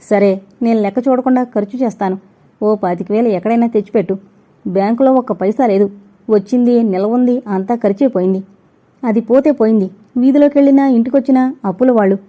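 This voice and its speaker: A woman's voice: a little high, quick pace, phone-quality sound, close to an everyday voice. A woman reading the lines of a stern young husband, a doctor who scolds and lectures his wife.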